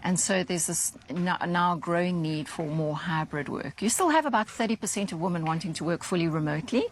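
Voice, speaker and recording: Female interview guest, slightly low pitch, measured articulate explainer, faint ambience behind. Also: slight background noise. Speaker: interview guest presenting research findings.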